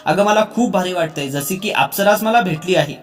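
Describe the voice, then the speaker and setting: A man's voice: high-pitched, a little fast, faint music behind, natural voice. A man voicing a smitten, cheerful young man in a storybook reading, talking in a playful, teasing way.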